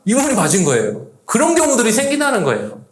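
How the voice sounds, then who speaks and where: A man pastor preaching a sermon to a youth service, lively, acting out the voices he quotes. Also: very high-pitched, fast talker, echoey room. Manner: animated, acts out quoted voices. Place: church sanctuary.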